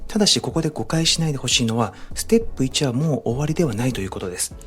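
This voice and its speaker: Lively fast-talking male narrator. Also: medium pitch, faint music behind. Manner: upbeat, addresses viewers directly with recommendations. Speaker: book summary narrator. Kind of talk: friendly explanatory narration.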